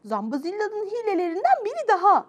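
A woman voicing a cute, brave young male creature hero of a children's story, in a high, excited voice. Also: normal speed. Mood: determined.

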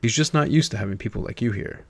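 Man doing a smooth British butler, gravelly edge. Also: mid-range voice, fast, no echo, studio quality, close to an everyday voice. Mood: polished. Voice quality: smooth, articulate. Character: refined, polished British butler, middle-aged man.

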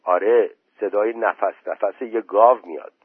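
A man's voice: lowish voice, husky, dry recording. A man voicing an eager scavenging village man who passes on rumors in a matter-of-fact way. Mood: plotting. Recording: tinny phone-like recording.

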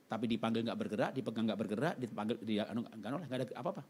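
With slight background noise, a middle-aged man gives a sermon testimony in a fairly low, rapid-fire voice, swinging animatedly between loud outbursts and hushed pleading as he tells his story.

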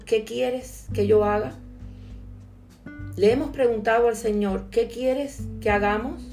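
A woman's voice: mid-range voice, gravelly, mellow. A woman giving an earnest devotional sermon, reading scripture and asking the listener direct questions. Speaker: preacher.

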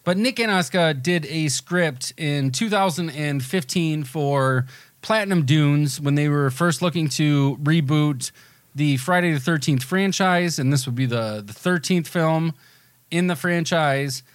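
A man's voice: fairly high pitch, a little slow, dry recording. A man co-hosting a podcast, rambling with enthusiasm in casual chat, often restarting his sentences. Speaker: podcast co-host.

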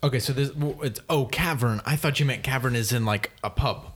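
A man's voice: mid-range voice, fairly quick, fairly bright tone. A man chatting casually and crudely as a player in a tabletop game. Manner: crude, joking. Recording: noisy room background.

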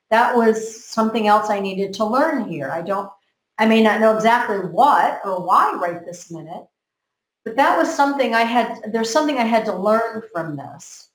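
A woman from America, talking earnestly in a group conversation and often repeating words as she works out her thoughts. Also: mid-range voice. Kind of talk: motivational group chat. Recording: roomy echo.

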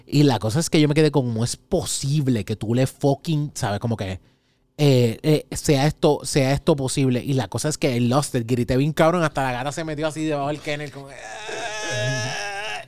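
A Puerto Rican man in his thirties, a podcast host, telling a story in casual chat and acting out his own shouts. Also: medium pitch, brisk. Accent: Puerto Rican Spanish.

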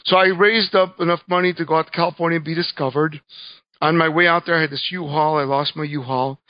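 A man's voice: a little high, fairly even intonation, fast talker, no echo. Cuban-born man telling his story. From Cuba. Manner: earnest storytelling with fillers. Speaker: guest speaker. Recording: dull, dry recording.

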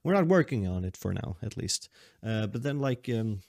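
A man's voice: on the low side, big pitch swings, moderate pace, creaky, a little mellow, no room sound. A man in his late twenties chatting casually on a solo podcast, rambling and correcting himself, often laughing. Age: 20s. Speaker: podcast host.

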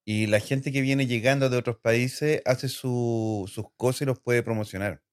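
He is a middle-aged Chilean father who speaks calmly and keeps it short. He steps in now and then to sum things up for the family. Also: mid-range voice, unhurried. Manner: calm, brief, sums things up. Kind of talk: casual family chat.

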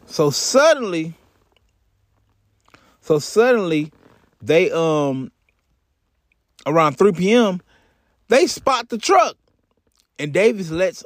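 A man's voice: high-pitched, dry recording, studio quality. A young man casually telling a comic story in slangy, profane speech with many fillers.

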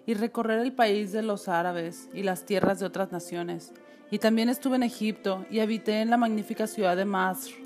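A woman's voice: mid-range voice, darkish tone, lightly acted. A woman voicing a scheming middle-aged sorcerer who poses as a long-lost uncle, with a theatrical, wailing lament.

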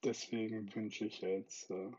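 A man reading a children's book aloud in a calm, earnest way and making modest remarks about his own voice. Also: lowish voice, a little slow, breathy edge, highs cut off. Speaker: storybook reader.

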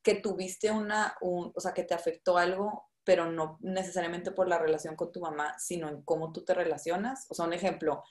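A woman's voice: lowish voice, fairly even intonation, brisk, few pauses. A woman in casual conversation, asking questions and searching for words. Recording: echoey room.

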